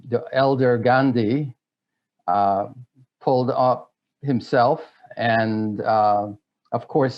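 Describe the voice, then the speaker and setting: A man's voice: mid-range voice, muffled recording. A middle-aged man from Guyana, answering interview questions in a hesitant way, with many fillers and restarts. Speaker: guest.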